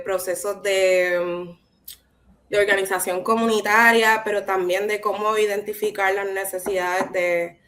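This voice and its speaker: A woman's voice: mid-range voice, a bit bright. A woman with a Puerto Rican Caribbean Spanish accent speaking reflectively in a conversational artist talk, often checking in with little tag questions. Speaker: visual artist, guest speaker.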